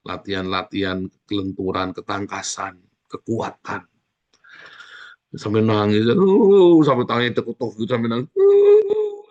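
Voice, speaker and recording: A man preaching a sermon as pastor, speaking in an animated way with sudden loud exclamations. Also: on the low side, moderate pace, lo-fi sound.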